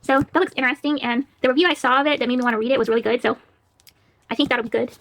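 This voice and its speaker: With a high voice, a steady tone and rapid-fire delivery, a woman goes through her library books in a casual haul video. She laughs frequently and reads the blurbs on the back covers out loud as a book vlogger.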